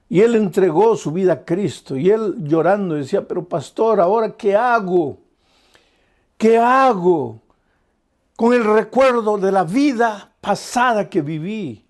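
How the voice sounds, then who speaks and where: A pastor delivers an evening sermon in a noticeably high male voice. He talks straight to the listener in an earnest tone. He stacks up repeated phrases, and his pace keeps shifting between quick runs and slow stresses. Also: a little mellow. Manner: earnest preaching, speaking directly to the listener.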